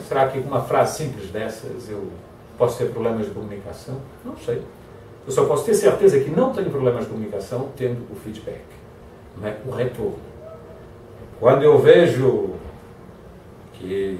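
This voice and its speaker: A man's voice: medium pitch, slight background noise. A man giving a motivational lecture, acting out example phrases in different tones. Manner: lively, acts out example phrases in varied tones. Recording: echoey hall from far off.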